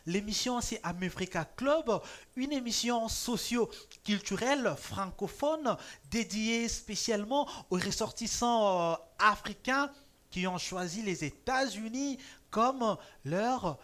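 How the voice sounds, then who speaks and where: Slow, measured talk-show host. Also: medium pitch, lively intonation, a bit bright. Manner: measured, announcer-like with hesitations.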